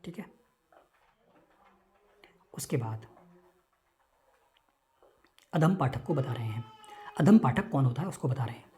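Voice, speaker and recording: With a very deep, dark-toned voice, this woman delivers her online Sanskrit lecture in an animated way. She moves through the text slowly, going over terms again and making sure listeners are following.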